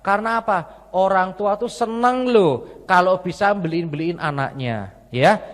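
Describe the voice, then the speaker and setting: A male preacher gives a sermon with a lively, storytelling manner. His voice sits fairly high, and the large church hall adds a long reverb behind him. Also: unhurried. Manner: lively storytelling, tag questions.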